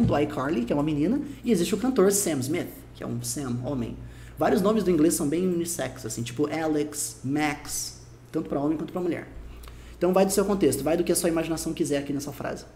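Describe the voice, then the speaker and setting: A man's voice: high voice, a little mellow, echoey room, a little hiss or hum. A Brazilian man with a Brazilian Portuguese accent, giving an online English lesson and patiently repeating each example. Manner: explains patiently, repeats each example, says English phrases slowly and carefully. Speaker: English teacher.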